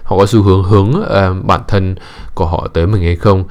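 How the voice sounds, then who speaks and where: A man giving calm dating and communication advice in a measured monologue, pausing often with hesitant fillers and dropping in English words. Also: sits low.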